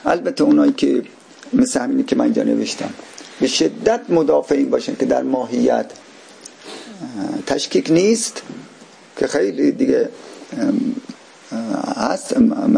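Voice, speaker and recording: A man giving a classroom philosophy lecture, often checking that the class agrees and slowing down to stress key terms. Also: medium pitch, animated, creaky, warm tone, a little hiss or hum.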